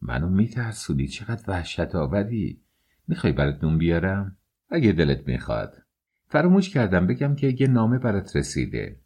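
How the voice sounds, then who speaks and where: A man's voice: deep voice, huge pitch swings, mellow, exaggerated voice. A man voicing a chatty, blunt female house servant in an audiobook, asking question after question. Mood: uneasy.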